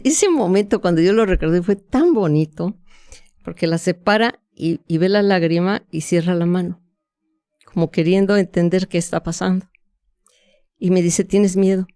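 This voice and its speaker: A woman's voice: fairly low pitch, warm tone, clean tone, dry recording. A woman, a guest telling a vivid, emotional first-person story full of restarts and fillers. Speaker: interview guest.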